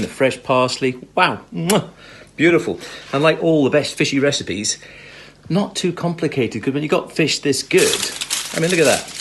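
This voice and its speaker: British guy doing a casual home cooking vid, chirpy and keen, normal pitch, noisy kitchen in the background. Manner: chirpy, enthusiastic, full of tag questions and asides. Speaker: home cook presenting a recipe video. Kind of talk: casual chat while cooking. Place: home kitchen, filmed on a phone. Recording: clear background noise, kitchen clatter.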